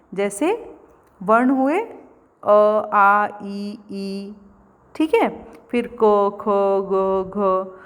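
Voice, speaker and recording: Slow, patient woman teacher. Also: medium pitch, big-room sound. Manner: slow, patient explaining with repeated "theek hai". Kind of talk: online Hindi grammar lesson.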